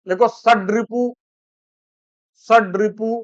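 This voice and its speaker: A male teacher from India dictating words to a class one by one, repeating each slowly. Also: high-pitched, steady tone, no echo. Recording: dull, dry classroom recording.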